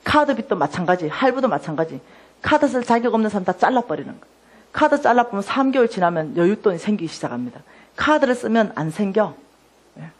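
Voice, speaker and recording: A middle-aged woman giving a sermon testimony, telling her story with lively acted-out dialogue. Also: mid-range voice, fast. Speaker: lay minister giving testimony.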